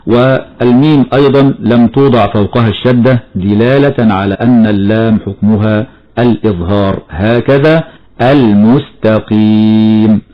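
A man teaching the rules of Quran recitation, explaining steadily and chanting slow example verses. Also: mid-range voice, highs cut off. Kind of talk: tajweed lesson with recited examples.

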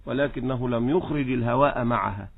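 A man with an Egyptian accent teaching Quran recitation in a radio lesson, slowly demonstrating each example. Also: medium pitch, creaky, slightly rough. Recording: tinny phone-like radio line.

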